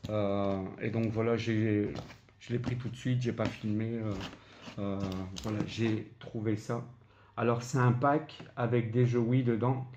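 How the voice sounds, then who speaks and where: A man's voice: on the low side, mellow. Hesitant Belgian man chatting over noise. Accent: Belgian French. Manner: hesitant, many filler sounds, cheerful. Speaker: video game collector showing flea market finds. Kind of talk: casual vlog commentary. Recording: dull lo-fi home recording with noise.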